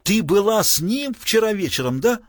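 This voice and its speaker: A man's voice: sits high, sing-song, normal speed, dry recording, pitched above the performer's own voice. Male reader as hot-tempered older lord: bellowing, wailing, wide swings.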